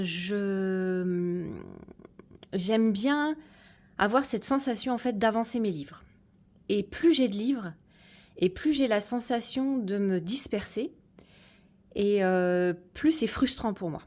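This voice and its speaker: In this casual room tour chat, a woman who vlogs about coloring shows off her coloring corner, sounding friendly if a bit hesitant. Her mid-range voice has a mellow quality.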